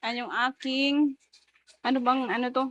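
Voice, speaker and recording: A woman's voice: high-pitched, steady tone, a little slow, fairly bright tone, highs cut off. Chatty woman vlogging at home. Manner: chatty, mixes in English, giggly asides. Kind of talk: casual home vlog chat.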